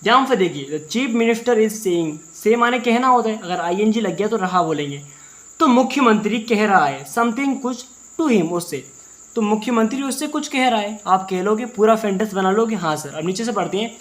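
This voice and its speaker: A man with an Indian accent teaching English through Hindi, reading English sentences slowly word by word and explaining each word again and again. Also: high voice, lively intonation, fairly bright tone.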